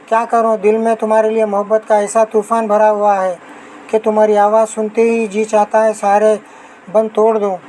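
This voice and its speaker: A woman reading an audiobook novel, voicing a talkative, excitable middle-aged wife and mother who chatters without pause. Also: medium pitch, slight background noise, close to an everyday voice, rough recording. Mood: gushing. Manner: gushing nonstop chatter.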